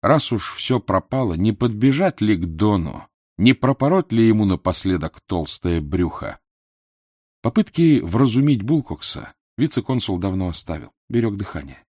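Low-voiced man narrating a dramatic novel. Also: very animated, moderate pace, a little mellow, dry recording, studio quality. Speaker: audiobook narrator. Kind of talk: scripted literary narration.

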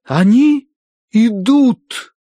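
A man voicing a theatrical, imperious woman spirit medium who speaks in slow, grave commands. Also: very high voice, no echo, pitched above the performer's own voice. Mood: solemn commanding.

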